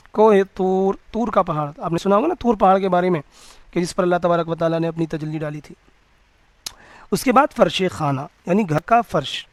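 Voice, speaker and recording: Male teacher, high voice, dry close sound, reads words slowly then explains. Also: no room sound. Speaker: religious studies teacher. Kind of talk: lecture teaching vocabulary.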